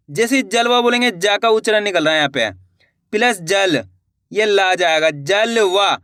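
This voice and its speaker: A man's voice: high-pitched, pushed and bright, clear, resonant tone, dry recording, clean studio sound. A man teaching children's reading, drawing out each syllable and quizzing the viewer as he writes words out. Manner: slow, drawn-out spelling of syllables, quizzing the viewer. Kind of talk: Hindi reading lesson.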